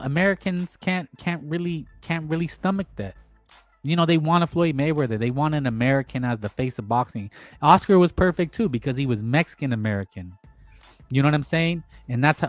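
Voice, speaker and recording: A man's voice: medium pitch, dry recording. Emphatic rambling man talking boxing. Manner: rambling, emphatic, repeats himself with fillers. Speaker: boxing talk show host. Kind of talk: casual opinion monologue.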